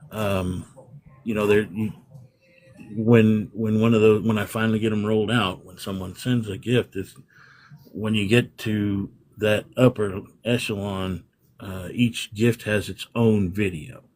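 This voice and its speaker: A man's voice: on the low side, a little mellow. A man being interviewed about his livestream room, explaining things at length in a casual, rambling way. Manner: rambling explanations, frequent restarts. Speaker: livestream room owner, guest.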